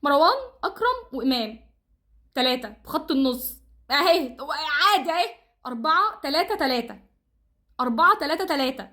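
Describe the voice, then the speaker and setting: A woman's voice: sits high, lively intonation, brisk, pauses often, sharp tone. A woman with an Egyptian Arabic accent, nervous, pleading and exasperated in a heated monologue. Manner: pleading and exasperated, swearing oaths. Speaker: football fan vlogger. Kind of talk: fast, heated monologue addressed to the coach.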